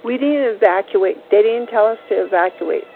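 A woman's voice: medium pitch, moderate pace, gravelly. A middle-aged woman recounting a community event in a plain, matter-of-fact way. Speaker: community member interviewed. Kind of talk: personal recollection. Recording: tinny phone-like line with faint hiss.

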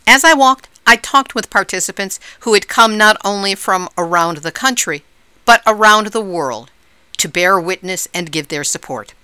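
A woman reporter narrating a news feature in a measured, steady way. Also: mid-range voice, clean tone, no room sound. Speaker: radio reporter.

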